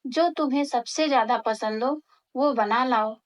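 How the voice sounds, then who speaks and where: Bossy middle-aged mother-in-law, lecturing tone, slow woman reading, fairly high. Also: lightly acted.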